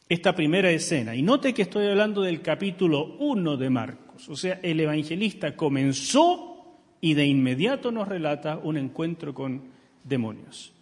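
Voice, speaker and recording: Husky preacher in a reverberant church. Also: male voice, on the high side. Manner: emphatic, rhetorical questions to the congregation. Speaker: pastor. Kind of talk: sermon. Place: church sanctuary. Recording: long church hall reverb.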